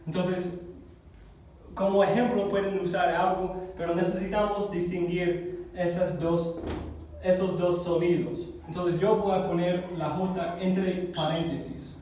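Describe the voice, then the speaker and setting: A man teaching a Greek class, slowly spelling out letters and syllables for his students. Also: high-pitched, steady tone, a little mellow, slight background noise. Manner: slow, spells out letters one by one. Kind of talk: classroom lesson at a whiteboard. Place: church classroom. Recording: echoey room, voice from far off.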